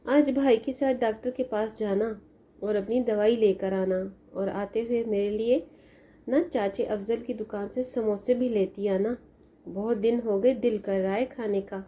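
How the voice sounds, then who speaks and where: A woman voicing a sad, lonely young woman who pleads softly as she grieves for her mother in a storybook tale. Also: medium pitch, fairly even intonation, a little slow, lightly acted. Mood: sorrowful. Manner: plaintive, pleading.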